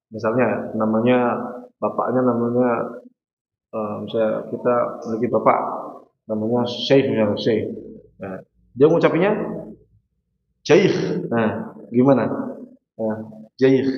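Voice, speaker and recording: A man's voice: mid-range voice, moderate pace, pauses often, a little hiss or hum. Indonesian man teaching recitation in echoey mosque. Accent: Indonesian, Javanese. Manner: explains patiently, demonstrates sounds, quizzes students. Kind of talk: religious class lecture. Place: mosque hall. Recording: echoey, dull mosque hall recording.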